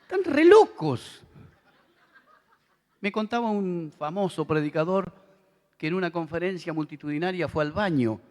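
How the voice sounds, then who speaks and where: A man's voice: fairly high pitch, fairly quick. A middle-aged man with an Argentine accent, preaching a sermon in a conversational style with asides to the audience. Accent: Argentine Spanish. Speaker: pastor. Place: large convention hall. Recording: long reverb of a big hall.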